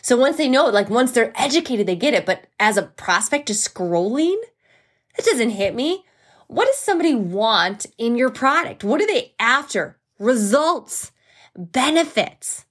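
A woman hosting a solo podcast, talking in an energetic, emphatic coaching manner with what she calls a whiny voice. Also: on the high side, measured pace. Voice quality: self-described crazy whiny voice. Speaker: podcast host.

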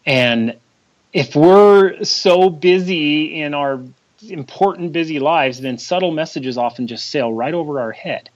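A man's voice: on the high side, a little slow. Earnest man discussing faith, slightly muffled. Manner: earnest, quotes scripture at length. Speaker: co-host. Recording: slightly dull lo-fi sound.

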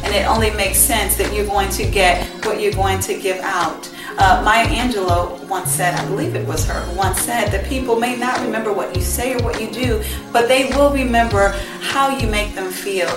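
A woman's voice: medium pitch, normal speed, hardly any pauses. Echoey, distant-sounding woman giving a motivational talk. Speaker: podcast host and leadership coach. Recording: roomy, distant mic, music behind.

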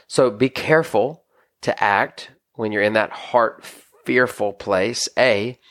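A married man who pastors teaches scripture on a podcast, his voice fairly low-pitched and fairly bright, his pace slow. He comes across as earnest and conversational, with many restarts and frequent "you know".

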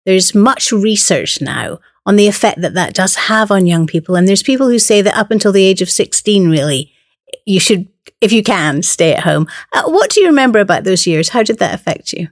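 A woman's voice: mid-range voice, lively intonation, fairly quick, no echo, clean studio sound. A woman hosting a broadcast interview, introducing her guest and asking conversational questions. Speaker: interviewer host.

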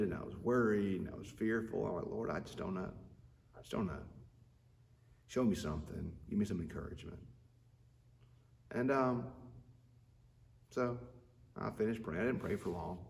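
A man preaching a reflective devotional sermon as a pastor, with halting, repeated phrases, recorded in a church sanctuary. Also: fairly low pitch, gravelly. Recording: echoey church sanctuary, long reverb, distant mic.

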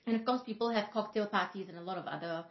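A woman who is a singer and vocal coach, from Singapore, telling stories in a relaxed podcast chat with frequent fillers. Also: medium pitch, quick pace. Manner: reflective, storytelling, frequent fillers. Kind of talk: casual podcast conversation. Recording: roomy, slightly dull podcast audio.

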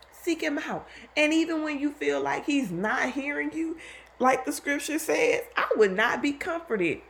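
A woman leading a devotional Bible teaching in a fairly high voice with a gravelly edge. She speaks earnestly and encourages her listeners, coming back to her main points again and again. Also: a little hiss or hum.

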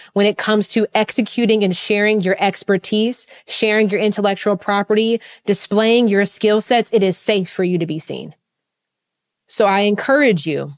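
A woman business coach giving an impassioned, repetitive motivational talk, swearing freely. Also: mid-range voice.

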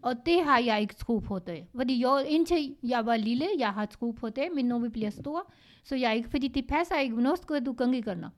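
Middle-aged mom, kinda high voice, stops to hunt for words a lot. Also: female voice. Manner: halting, searching for words, switching languages. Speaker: podcast co-host, mother. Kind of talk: casual family chat.

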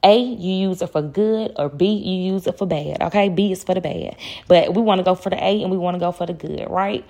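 A woman's voice: lowish voice, fairly quick, warm tone. Earnest woman giving faith encouragement. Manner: earnest, repeats key phrases for emphasis; speaks directly to viewers as "y'all". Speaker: faith vlogger. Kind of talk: casual faith-based encouragement talk.

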